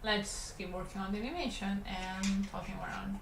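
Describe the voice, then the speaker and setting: A gravelly, medium-pitched voice at normal speed belongs to a woman from Catalonia, Spain, who speaks Catalan natively and has a Spanish Catalan accent. She rambles easily to her stream's chat while animating. The studio room recording is roomy with a faint hum behind it.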